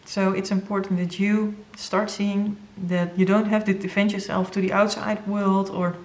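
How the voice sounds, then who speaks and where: A woman with a Dutch first language giving an earnest, halting tarot reading to viewers, with many fillers and moments where she grows emotional. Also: mid-range voice, flat delivery, a little mellow. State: emotional, near tears. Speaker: tarot reader.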